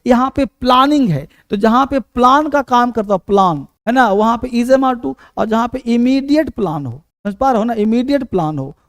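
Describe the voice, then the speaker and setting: High-pitched Hindi-accented English teacher. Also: male voice, lively intonation, moderate pace, hardly any pauses. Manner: drills example sentences, coaxing students with "samajh pa rahe ho na". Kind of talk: live online spoken-English lesson.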